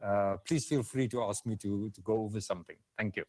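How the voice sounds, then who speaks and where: A man's voice: on the low side, brisk, mellow. A man with a South African English accent giving a webinar lecture and answering questions, hesitant, with many fillers and restarts. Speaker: guest speaker.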